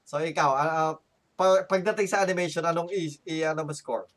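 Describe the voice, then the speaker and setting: A man's voice: on the high side, fairly even intonation, fairly quick, fairly bright tone, a little hiss or hum. A man with a Filipino accent hosting a casual podcast chat, often restarting words while he searches for a term. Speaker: podcast host.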